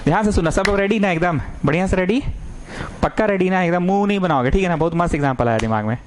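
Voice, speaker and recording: Male tutor, lively and coaxing, dictates slowly and repeats himself; faint room noise behind. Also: high voice, poor audio. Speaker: maths tutor. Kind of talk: classroom maths lesson.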